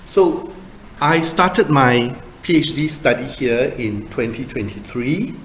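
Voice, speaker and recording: A man in his fifties from Singapore, giving an academic presentation in a measured, emphatic way with rhetorical questions. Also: medium pitch, expressive, fairly bright tone. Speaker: guest speaker, doctoral researcher. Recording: echoey room with faint noise.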